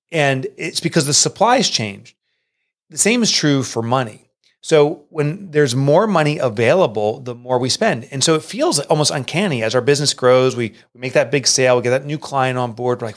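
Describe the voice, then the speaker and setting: An earnest middle-aged man speaking as an interview guest. He tells his own story with feeling and a mid-range voice. When he quotes other people, his voice jumps up in pitch. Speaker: author and entrepreneur guest.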